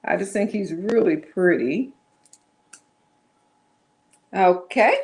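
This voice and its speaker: Lively-voiced chatty woman. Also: medium pitch, slow pace. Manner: chatty, meandering, self-correcting. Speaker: online live sale host. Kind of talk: casual live-stream selling chat.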